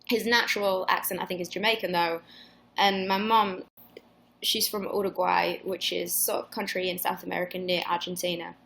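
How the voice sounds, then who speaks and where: Her voice is lowish, gravelly and a bit bright: a woman in her twenties, a singer with a mixed Northern English accent. She's hosting a live fan Q&A, chatting casually on stream, rambling, swearing and frequently restarting.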